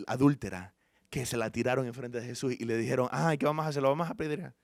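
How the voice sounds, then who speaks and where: A man preaching a sermon as pastor. He tells the story with animation, swings between hushed and loud passages, and adds informal asides and self-corrections. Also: medium pitch, no echo, clean studio sound.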